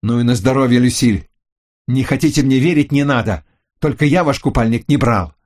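A man's voice: medium pitch, normal speed, darkish tone, voice pushed up, natural voice. A man voicing an accused man who protests in exasperation. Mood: exasperated.

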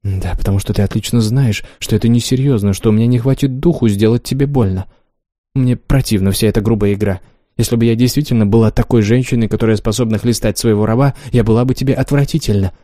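A man voicing a haughty, cruel young noblewoman in a dramatic audiobook reading, slow, cold and imperious. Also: mid-range voice, mellow, dry recording, studio quality, lightly acted. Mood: scornful.

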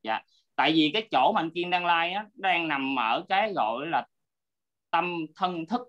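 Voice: medium pitch, lively intonation, moderate pace. A teacher talks a student through a Buddhist text over an online call. The explanation is patient, with frequent checks that the listener is following. The audio sounds dull and lo-fi. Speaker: Abhidhamma teacher.

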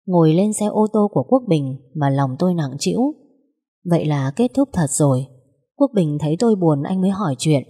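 A woman narrating a first-person story in an even, plain reading voice. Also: sits low, fairly quick, breathy edge.

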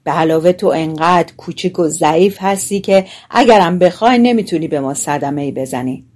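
A woman reading a nervous, hurried burglar. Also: lowish voice, lightly acted. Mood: nervous urgent. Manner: hushed, urgent. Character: nervous grown male burglar, gruff and hurried.

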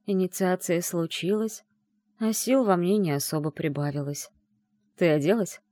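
A woman reading a first-person novel aloud in an expressive, emotional way. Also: lowish voice, normal speed, dry recording, clean studio sound. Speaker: audiobook narrator.

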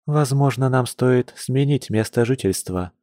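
A man voicing an anxious, tender young woman who is a bear shapeshifter, speaking softly with sighs. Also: mid-range voice, a little slow, no echo, studio quality, natural voice. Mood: worried.

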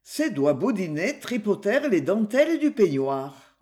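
A reader narrating a crime novel in a slow, expressive storytelling manner. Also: medium pitch. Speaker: audiobook reader.

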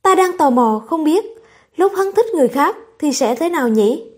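A woman's voice: high-pitched, animated, normal speed. A woman voicing a teasing, nosy young woman who pesters and coaxes for gossip in a storybook reading. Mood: curious. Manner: coaxing, pestering.

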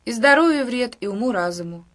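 Gruff wry older guy, blunt and a bit mocking, woman reading him. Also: fairly high pitch, animated, brisk, a bit bright, pitched above the performer's own voice.

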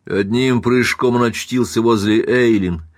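A man narrating a classic novel as an audiobook in a dramatic, measured reading. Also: mid-range voice, steady tone, no echo, studio quality.

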